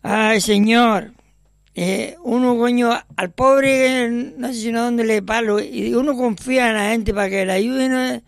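A man's voice: extremely high pitch, steady tone, a little slow, vocal fry, no echo, studio quality. A man hosting a local radio show in a chatty, rambling way, with joking asides. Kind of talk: casual radio chat.

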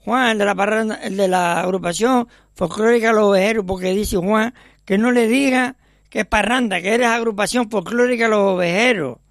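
A man's voice: sits high, moderate pace, creaky, fairly bright tone, dry recording, studio quality. A man hosting a local radio show in a chatty, rambling way, with joking asides. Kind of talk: casual radio chat.

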